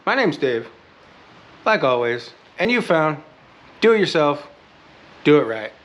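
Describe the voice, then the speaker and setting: A man who sounds under the weather, giving a casual, halting how-to vlog talk in a low-key, plain-spoken way. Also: sing-song, fairly bright tone, highs cut off. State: under the weather, sick with a cold. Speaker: host of a DIY motorcycle repair channel.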